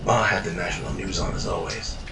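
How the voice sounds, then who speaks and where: A very deep-voiced male narrator delivers a first-person fiction journal entry fairly quickly, sounding tired and world-worn and swearing as he goes. He's recorded from a distance in an echoey room, with steady ambient noise underneath.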